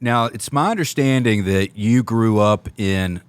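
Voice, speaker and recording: Man, podcast host, interviewer, friendly prepared questions, lowish voice. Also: a little slow, clean tone, no echo.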